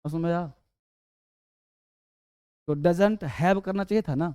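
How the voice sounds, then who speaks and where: A man teaching English grammar, quizzing students and urging them to answer fast. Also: high-pitched, mellow, clean tone, dry recording, studio quality. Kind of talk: classroom lesson.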